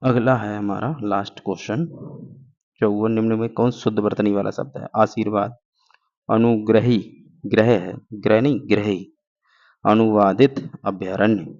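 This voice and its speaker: Gravelly low-voiced male teacher. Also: steady tone, normal speed, a little mellow. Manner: explains step by step, asks and answers own questions. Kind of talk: exam-prep grammar lesson. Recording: dull lo-fi recording.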